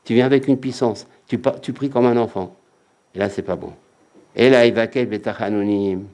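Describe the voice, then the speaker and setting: A man's voice: lowish voice, moderate pace, darkish tone. A man giving a religious lecture as a rabbi, emphatic and repetitive, often acting out quotes.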